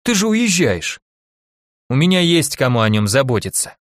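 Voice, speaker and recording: A man's voice: mid-range voice, big pitch swings, normal speed, no echo, studio quality, close to an everyday voice. A man reading an audiobook, voicing a chatty, nosy old village woman who uses folksy exclamations. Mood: fussy.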